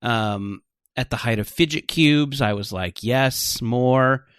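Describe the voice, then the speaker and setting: A man's voice: mid-range voice, slow pace, a bit bright, clean tone, no echo, clean studio sound. A man from Southern California, born in Texas, chatting casually with stammering restarts and self-deprecating humor. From Texas-born, raised in Southern California. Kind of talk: casual chat.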